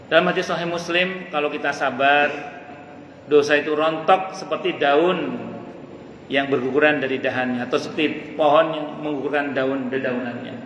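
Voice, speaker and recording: A man's voice: on the high side, steady tone, normal speed, a bit bright, a little hiss or hum. A man giving a mosque sermon, earnest and conversational, asking questions and answering them himself. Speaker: preacher. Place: mosque hall. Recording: echoey mosque hall with long reverb.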